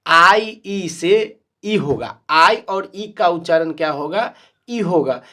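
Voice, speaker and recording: A man teaching English spelling rules in an online lesson, who spells letters out slowly and keeps asking questions before he answers them himself. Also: sits high, expressive, bright, forceful tone. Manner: calls viewers "my dear friends".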